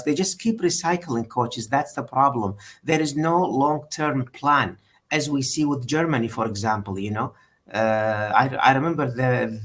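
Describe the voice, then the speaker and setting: A man's voice: mid-range voice, a bit bright. A man co-hosting a football podcast, speaking hesitantly with frequent restarts and "uh"s. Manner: hesitant, repeats words, many "uh"s. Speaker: podcast co-host. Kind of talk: casual football discussion.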